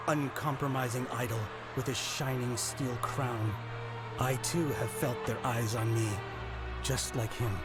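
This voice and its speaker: A man's voice: medium pitch, natural voice. An actor playing a brooding revolutionary judge, narrating his thoughts solemnly in a video game cutscene. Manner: solemn, portentous. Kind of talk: dramatic scripted narration. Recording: loud cutscene music over voice. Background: loud game music.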